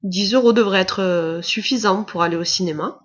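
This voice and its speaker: A woman's voice: mid-range voice, normal speed, reverberant. A French-speaking woman teaches a beginner English lesson, explaining each point step by step with frequent hesitations. Her voice sits in a middle register, and the recording sounds dull and lo-fi. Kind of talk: language lesson narration.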